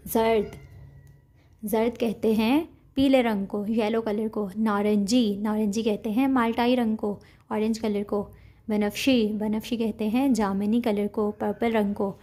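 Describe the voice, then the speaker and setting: A woman with an Urdu-speaking accent teaches vocabulary slowly and patiently, repeating each word. Her voice sits fairly high but sounds mellow and warm. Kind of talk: language lesson.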